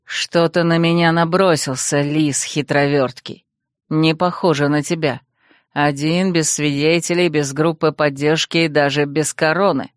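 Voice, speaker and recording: A woman voicing a sneering young male northern ice mage who hisses and mocks roughly. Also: sits low, fairly even intonation, a little slow, no room sound, studio quality, pitched below the performer's own voice. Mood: mocking. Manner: mocking, rough, hissing.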